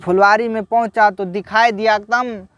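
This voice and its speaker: A man retelling a devotional folk tale in casual speech, unhurried and halting, acting out the characters' quoted lines. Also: sits high, fairly even intonation, fairly bright tone, clear, resonant tone, lo-fi sound. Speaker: storyteller. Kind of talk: casual spoken religious story.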